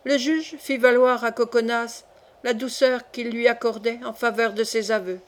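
A woman narrating a classic novel audiobook in a measured, expressive way. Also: fairly high pitch.

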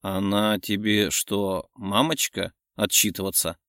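A man voicing a gruff, teasing young man who grumbles in a lowered voice. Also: a little slow, no room sound, studio quality, natural voice. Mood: grumbling.

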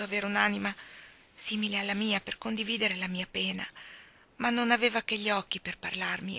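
A woman voicing a young father who pleads humbly and earnestly with a fairy, in a quiet storybook reading. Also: medium pitch, creaky.

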